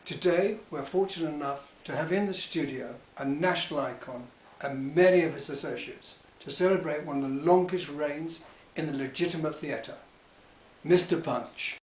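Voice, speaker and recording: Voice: medium pitch, moderate pace, a little mellow, slight background noise, rough recording. An interviewer speaking formally and politely, keeping a straight face through a scripted comic studio interview.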